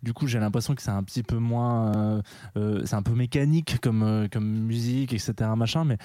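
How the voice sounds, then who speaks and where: A man's voice: fairly low pitch, fairly even intonation, brisk, warm tone, no echo. A young man hosting a live radio show in a studio, chatting casually in a rambling way with many fillers and restarts, and laughing at himself. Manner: self-mocking, laughing at himself.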